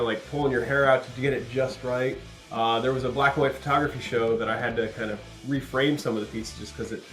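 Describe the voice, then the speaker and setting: A man who runs an art gallery, telling stories in a relaxed, rambling way with lots of fillers. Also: mid-range voice. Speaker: gallery owner. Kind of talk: documentary interview, casual storytelling. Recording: echoey room, mic at a distance, soft music behind.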